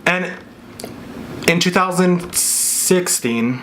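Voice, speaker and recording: A man with a high, fairly bright voice talks extremely slowly while chewing, hosting a casual, chatty mukbang vlog. He speaks candidly with his mouth full and uses "like" a lot. The audio is poor, with clear background noise and dish clinks and clicks.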